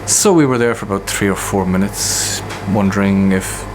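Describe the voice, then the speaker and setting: Speaking over music at a moderate pace, this lowish-voiced poet and literature centre director tells stories in a relaxed, conversational interview. Ambient hum and vehicle noise make the recording clearly noisy.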